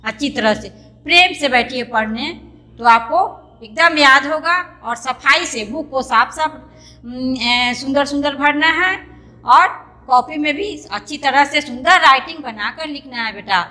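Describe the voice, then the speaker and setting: Faint music plays behind a woman primary teacher whose high voice is pushed and bright and a little slow. Teaching small children online with a Hindi Indian accent, she is patient and repetitive, calls them "beta" and spells out words letter by letter.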